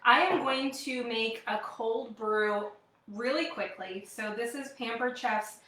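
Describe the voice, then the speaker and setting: Recorded on a distant mic in an echoing room, a Wisconsin woman hosts a casual livestream demo as a direct-sales kitchenware consultant. She's chatty and upbeat, addressing viewers in a slightly high voice with a sharp tone, and she takes it slowly.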